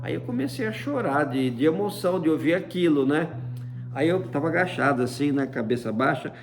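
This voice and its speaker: Brisk and lively in intonation, this man's higher voice carries a chatty personal story with soft music in the background. He fills the tale with frequent "né?" and plenty of fond diminutives.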